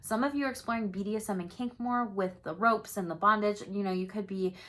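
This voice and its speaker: A woman's voice: mid-range voice, a little fast, a bit bright. A young adult woman giving a casual tarot reading to camera, chatty and upbeat, swearing easily and laughing often. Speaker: tarot reader.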